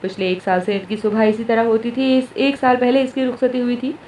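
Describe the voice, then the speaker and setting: Woman narrator reading a romance story, steady delivery; distant mic, faint room ambience. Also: a little high, fairly quick, reverberant, a little hiss or hum. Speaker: story reader. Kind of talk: reading a romance novel aloud.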